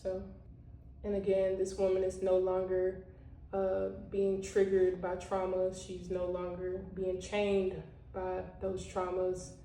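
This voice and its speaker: This vlogger speaks slowly in a dark, monotone voice of medium pitch, delivering a casual motivational talk to viewers. Her speech is conversational and filled with "you know" and "like," recorded in an echoey room with the mic a bit far away and slight background noise.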